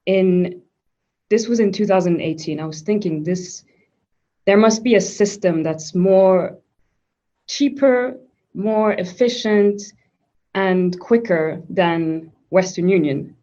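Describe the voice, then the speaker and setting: A woman's voice: medium pitch, takes it slowly, mellow. A woman from Switzerland, a guest in a conversational interview, talking thoughtfully with frequent restarts. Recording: dull lo-fi sound.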